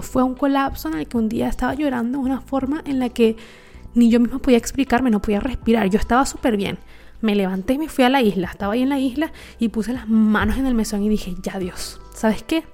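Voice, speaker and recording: A woman's voice: on the high side, quick pace, a little mellow, soft background music. A woman telling a personal story to her viewers, reflective and confiding, with many fillers. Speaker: vlogger.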